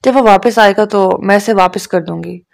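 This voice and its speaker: A woman reading the lines of a serious, earnest young woman in a storybook, speaking quietly and a little defensively. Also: medium pitch, vocal fry, lightly acted. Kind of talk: audiobook dialogue reading.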